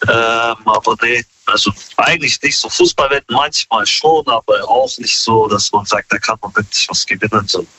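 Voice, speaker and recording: A man in his thirties chatting casually in an interview, relaxed and slangy with many fillers. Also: mid-range voice, moderate pace, hardly any pauses, slightly rough, no echo, rough recording. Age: 30s.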